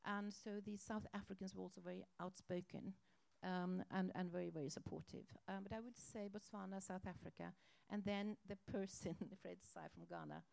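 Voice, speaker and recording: Woman chairperson telling an old negotiation story, very gravelly fry all through, reflective. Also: mid-range voice, steady tone, normal speed, a little mellow. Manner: reflective, recounting with emphatic asides. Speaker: interviewee, organization chairperson. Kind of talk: anecdotal storytelling in an interview.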